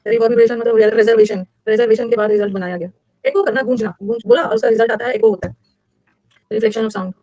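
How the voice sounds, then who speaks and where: A woman teacher running a lively classroom lecture, drilling vocabulary with repetition and mnemonics. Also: no room sound. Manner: energetic, repetitive, with sudden high-pitched emphasis. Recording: dull lo-fi dry recording.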